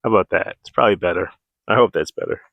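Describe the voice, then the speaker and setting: A man's voice: deep voice, rapid-fire, vocal fry, lo-fi sound, background noise. A man vlogging while he does outdoor building work. He thinks aloud with lots of fillers, talks into a close clip-on mic and breathes heavily from the work. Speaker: homesteading vlogger. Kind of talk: casual talk while working. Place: outdoors at a homestead. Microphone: small clip-on mic close to the mouth.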